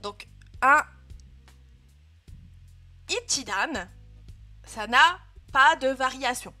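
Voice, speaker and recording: A young woman leads a live online class and walks her students patiently through grammar, pausing to check in with them. Her voice is bright and sits a little high. Soft music plays faintly underneath. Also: animated. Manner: patient, clear explaining with frequent "euh" and "hein" checks. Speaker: Japanese teacher. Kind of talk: live online language lesson.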